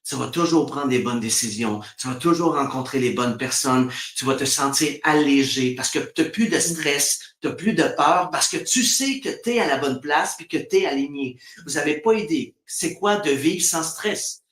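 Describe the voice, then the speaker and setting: Speaking as a spiritual guest on a live stream, a man from Quebec with a Québécois accent chats casually, laughs a lot and mimics the voices he quotes. His voice runs on the high side, expressive and a bit bright, at a moderate pace with few pauses. The room sounds roomy.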